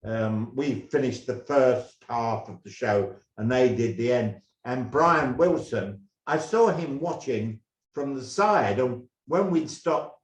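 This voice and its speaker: An older man from England, a former drummer, telling stories in a halting, rambling way with many restarts. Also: medium pitch, expressive. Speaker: guest, former band drummer. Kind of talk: casual interview storytelling. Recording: roomy echo.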